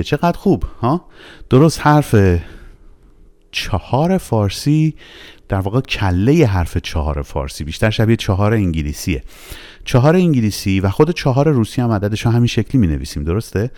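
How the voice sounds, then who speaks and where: A man giving a casual spoken language lesson, playful and animated, repeating each sound slowly for practice. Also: mid-range voice. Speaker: Russian language teacher.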